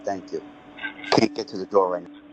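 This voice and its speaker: Low man through a doorbell speaker. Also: steady tone, normal speed, a crowd in the background. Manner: stammering, repeating himself. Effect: heard through a doorbell camera speaker. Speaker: homeowner. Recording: dull doorbell intercom audio.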